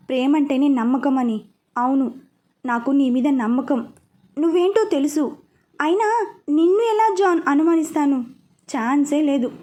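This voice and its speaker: A woman doing a steady young husband. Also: sits high. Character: caring confident young husband.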